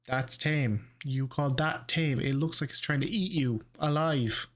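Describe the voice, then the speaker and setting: A man's voice: a little high, measured pace. Blunt man reacting casually. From Ireland. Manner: blunt, frequently swearing. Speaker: streamer reacting to a video.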